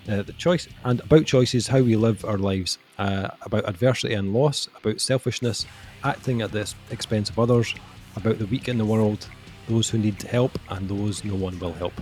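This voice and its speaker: A young man with a lowish, slightly mellow voice reviews an album on a podcast. He talks casually and haltingly, with plenty of ums and self-mocking jokes.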